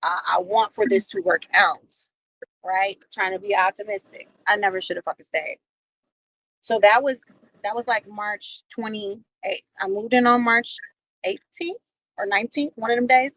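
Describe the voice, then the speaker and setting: A woman hosting a livestream, telling a personal story in a profane, animated way. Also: medium pitch, moderate pace, no room sound, rough recording. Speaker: livestream host. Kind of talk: casual storytelling.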